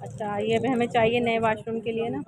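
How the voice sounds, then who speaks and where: A woman's voice: a little high, level tone, brisk, a loud crowd. A woman in her thirties with a Pakistani Urdu accent, chatting casually through a vlog and asking about prices as she shops. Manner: chatty, asks prices and comments on goods. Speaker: vlogger. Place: outdoor market, then home room. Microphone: phone camera. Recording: noisy outdoor phone audio.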